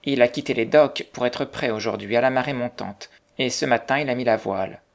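A garrulous landlady, voiced by a storybook reader, rattles on in a homely, gossiping way. The voice carries a gravelly rasp. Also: mid-range voice, a little fast, lightly acted. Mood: chatty. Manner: chatty, gossiping. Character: talkative motherly landlady.

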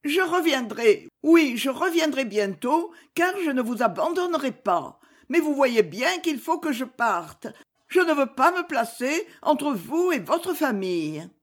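A woman's voice: high voice, big pitch swings, unhurried, voice pushed up. A woman doing a tearful pleading young woman. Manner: pleading, emotional.

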